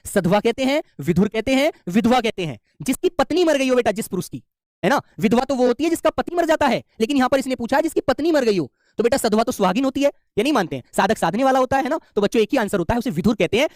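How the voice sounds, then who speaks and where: A man runs an exam-prep class at a rapid clip, coaxing his students like an older brother and checking in with them often. His voice sounds dry and close, with no room around it. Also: high-pitched, dry recording. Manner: fatherly, calls students beta and bacche, frequent "hai na?". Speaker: Hindi exam-prep teacher. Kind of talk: online class lecture.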